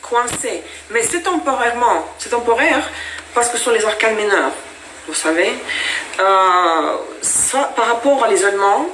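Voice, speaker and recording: Her voice sits on the high side, bright and unhurried with lively intonation, as this native Russian speaker does a relaxed tarot reading for viewers. She chats and explains with many hesitations, her cat nearby, in an echoey home room with faint hiss or hum.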